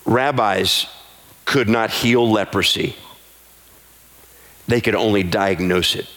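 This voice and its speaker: Pastor preaching in a reverberant church. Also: male voice, takes it slowly. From United States. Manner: swings between soft low teaching and raised, high-pitched exhortation; repeats key lines for emphasis. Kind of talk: sermon. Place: church sanctuary.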